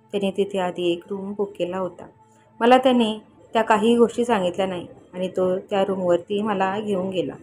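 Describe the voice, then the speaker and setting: A woman tells a first-person story in an earnest, confiding voice of middle pitch. She speaks the quoted lines of the people in it herself. Soft music plays quietly behind her.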